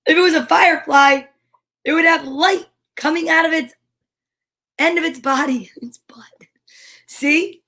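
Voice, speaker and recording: A woman with a high, bright, forceful voice hosts a children's storytime, reading a picture book aloud with lots of expression. She takes her time, pausing often and dropping in chatty asides as the storyteller.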